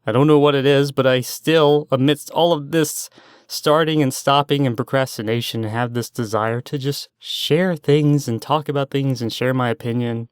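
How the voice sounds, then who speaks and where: A young man talks alone into the mic in a loose stream-of-consciousness monologue. He wanders, second-guesses himself and sometimes loses the thread. His voice is smooth and clear, at a middling pitch, recorded dry and close. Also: steady tone, moderate pace, dry recording. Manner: self-doubting, meandering, loses his train of thought. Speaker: solo podcast host.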